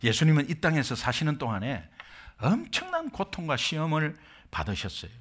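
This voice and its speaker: A man's voice: on the high side, wildly swooping pitch, brisk, fairly bright tone, breathy edge. A middle-aged man from Korea, a pastor preaching an impassioned sermon full of rhetorical questions.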